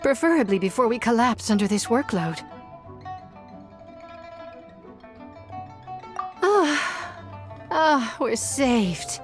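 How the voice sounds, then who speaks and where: A courteous young secretary from a video game. She has a somewhat high voice and a weary, explanatory way of talking, with faint music behind. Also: very animated, measured pace. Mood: weary relief.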